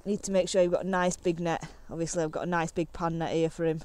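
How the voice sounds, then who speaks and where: A young woman chatting casually to camera while fishing outdoors on a lakeside bank, excitable and relaxed. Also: lowish voice, fast. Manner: chatty and excitable, talking to camera between catches. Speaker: angling vlogger.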